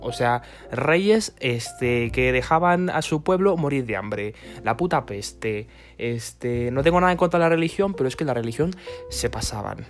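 A man in a mid-pitched voice rants with sarcastic, foul-mouthed humor, drifting from one tangent to the next. Faint guitar music plays softly behind him. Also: expressive, normal speed. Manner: sarcastic, swears constantly, rambling. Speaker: vlogger. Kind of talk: profane comic rant.

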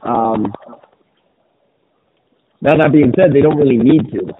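This podcast co-host speaks slowly in a mid-range voice, muffled as though through a sweater. The casual chat comes over a phone-like line with background noise, and he rambles, swears casually, and keeps restarting.

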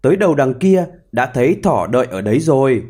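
Animated male storyteller, lively pitch. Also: a little fast, husky. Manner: expressive, animated reading. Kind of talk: scripted storybook narration.

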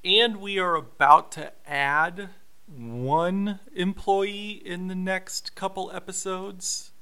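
A man co-hosting a podcast, talking through a TV episode in a measured, explanatory way. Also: high-pitched, steady tone, bright, forceful tone, clear, resonant tone. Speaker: podcast co-host. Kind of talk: casual recap chat.

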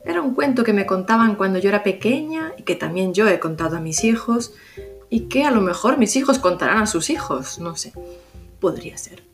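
A middle-aged woman narrating a children's story, expressive and unhurried. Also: mid-range voice. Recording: music bed.

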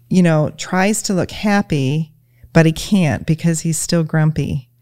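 A woman as a podcast guest, talking in a gentle, reflective way with many "you know"s. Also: low-pitched, no echo, clean studio sound. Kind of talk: casual conversation, retelling a children's story.

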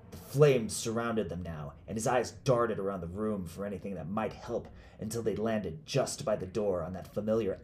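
A man reading a horror story aloud in a steady, grave storytelling manner. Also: lowish voice, a little hiss or hum. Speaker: narrator. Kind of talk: scripted horror narration.

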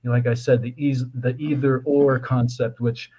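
Male podcast guest, mellow and dark in tone, slushy lisp on the s, halting philosophical explainer who wanders between thoughts. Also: mid-range voice, little pitch movement, slightly rough, highs cut off. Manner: halting, digressive, with repeated "you know".

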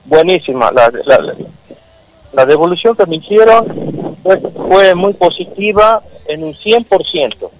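A middle-aged man from Argentina with an Argentine Spanish accent, telling the story of his song in an animated way as a radio guest calling in by phone from outdoors. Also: high-pitched, unhurried, rough recording. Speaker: songwriter guest. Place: outdoors near a football pitch, windy.

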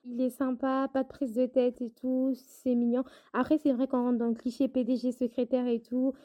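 A woman's voice: high voice, level tone, normal speed, warm tone. A woman guest in a casual chat, chatty and hesitant with fillers, heard over a tinny remote line. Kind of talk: casual chat about TV dramas.

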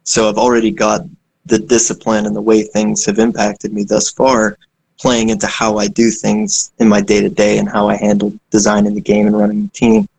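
A young indie game developer chats casually, rambling with lots of fillers, asides, and self-deprecation. His voice is on the low side, monotone, mellow yet slightly rough, with vocal fry at a moderate pace, captured in a rough recording.

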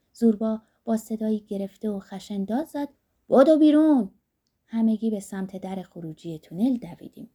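A woman narrating a novel as an audiobook, measured and dramatic. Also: fairly high pitch, mellow, slightly rough. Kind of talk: literary audiobook reading.

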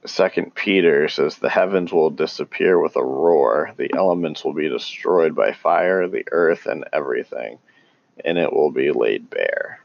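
Casting: very low gravelly man, unhurried, halting, dull lo-fi recording. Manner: halting, many ums and restarts; calls himself tongue-tied. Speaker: religious commentator. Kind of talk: casual unscripted talk on scripture.

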